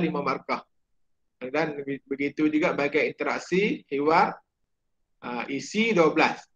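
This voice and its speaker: Malaysian male teacher, slightly high voice, chatty lecture, filler-heavy, dull lo-fi audio. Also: fairly bright tone. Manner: chatty, many fillers and checks. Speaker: religious studies teacher. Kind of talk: exam-prep lecture.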